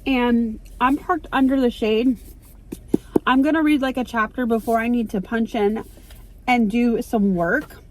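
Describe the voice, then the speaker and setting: A middle-aged woman vlogging in casual chat from a parked car into her phone, telling stories in a chatty, excitable way. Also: fairly high pitch, measured pace, slight background noise.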